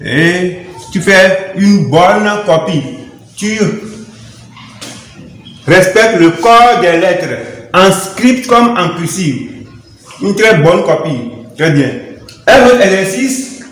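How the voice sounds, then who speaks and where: A man's voice: high voice, animated, slow pace, long pauses, a bit bright. A male teacher with a Togolese French accent giving a reading lesson to young children, patiently spelling out letters and syllables one by one. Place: classroom. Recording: echoey room, voice away from the mic.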